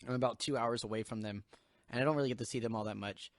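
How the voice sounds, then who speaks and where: A man's voice: mid-range voice, fairly even intonation, very fast, dry recording, clean studio sound. A young man hosting a podcast, talking casually in a rambling way with lots of swearing and fillers. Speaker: podcast host. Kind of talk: casual chat.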